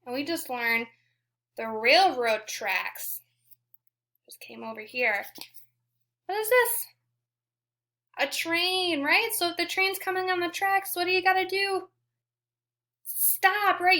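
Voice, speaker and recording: Reading a picture book aloud to young children, this woman teacher poses questions and offers frequent, repeated praise in an encouraging, prompting way. Her voice sits high, bright and forceful.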